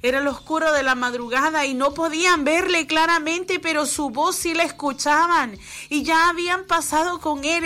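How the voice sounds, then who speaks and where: Woman preacher, high bright voice, soft music under her, slow and dramatic. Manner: slow, dramatic voicing of quoted lines. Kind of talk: devotional Bible reading and preaching.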